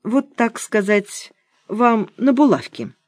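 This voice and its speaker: A woman reading an audiobook, voicing a calm, wry male private detective in a measured, soft tone. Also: a little high, no echo, studio quality, voice pushed up.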